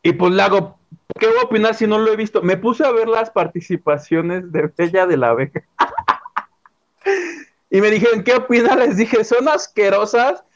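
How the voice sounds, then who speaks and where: A man's voice: high voice, normal speed, pauses often, highs cut off. A man with a Mexican accent co-hosting a casual entertainment chat, gossiping dramatically about a TV singing show. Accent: Mexican Spanish. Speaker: show co-host.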